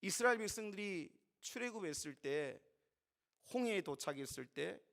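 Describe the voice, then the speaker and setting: Animated, high-voiced male preacher. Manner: emphatic, with sudden swings between loud and soft. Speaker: pastor. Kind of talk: sermon. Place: church.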